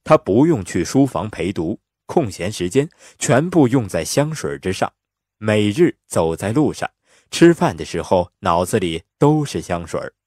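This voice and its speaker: A man narrating an audiobook in an expressive, lively storytelling manner on a close mic. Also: on the low side, moderate pace, no room sound.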